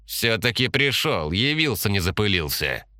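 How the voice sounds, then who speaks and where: A man's voice: fairly low pitch, big pitch swings, normal speed, bright, forceful tone, no echo, studio quality, voice pushed up. A man voicing a petty, smug boss who sneers and mocks in an audiobook. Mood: sneering. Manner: mocking, sneering.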